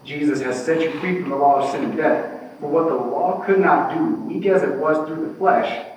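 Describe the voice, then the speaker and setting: Man, class participant in a church Bible discussion; halting, searching speech full of restarts, heard from a distance in a very echoey room. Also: on the high side, a little hiss or hum. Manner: halting, searching, with many restarts, reads scripture aloud.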